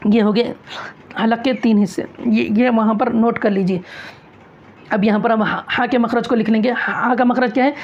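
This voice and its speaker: A woman's voice: fairly high pitch, fairly even intonation, moderate pace. A woman teaching a recitation class, asking questions, answering them herself and repeating key phrases. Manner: demonstrates sounds aloud, loud and drawn out. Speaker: tajweed teacher. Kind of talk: classroom lesson on Quran recitation. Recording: dull lo-fi classroom recording.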